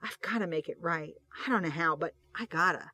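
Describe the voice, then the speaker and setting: A reader voicing a worried, impulsive male police detective in an audiobook of fan fiction, talking loudly and pleadingly. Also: mid-range voice, brisk, no room sound. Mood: anxious.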